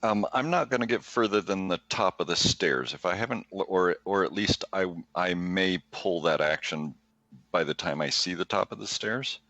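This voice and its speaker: A man's voice: low voice, fairly bright tone, dry recording, muffled recording. A man playing a tabletop game, asking about the rules as he goes. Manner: gravelly, slow, questioning rules. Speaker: player.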